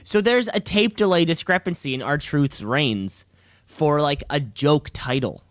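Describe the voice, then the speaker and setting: A man's voice: fairly high pitch, animated, a little slow, dry recording, studio quality. A man co-hosting a podcast, chatting casually and rambling, repeating himself and laughing easily. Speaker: podcast co-host. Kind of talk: casual chat about wrestling.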